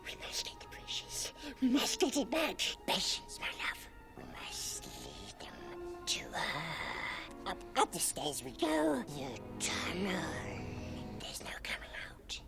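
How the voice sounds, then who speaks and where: A gravelly, wheezing cave creature, cringing and spiteful, sliding from breathy whispers to shrill high cries. He mutters to himself and calls his love precious. The film clip plays with music swelling behind him. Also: wildly swooping pitch, slow, exaggerated voice. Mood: scheming. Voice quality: hissing, wheezy, split between whisper and shrill.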